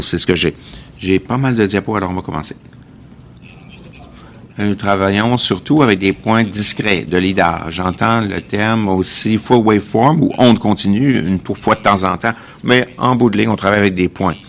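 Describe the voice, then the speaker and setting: Male live interpreter, creaky low voice, technical conference delivery with stop-and-start phrasing. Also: slight background noise.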